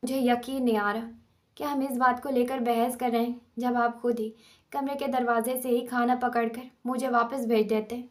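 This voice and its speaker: A fiery young wife, read by a woman in a storybook drama, ranting and sarcastic at once. The voice sits fairly high but moves little in pitch, so the anger comes through the words more than the melody. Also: level tone, lightly acted. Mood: accusing.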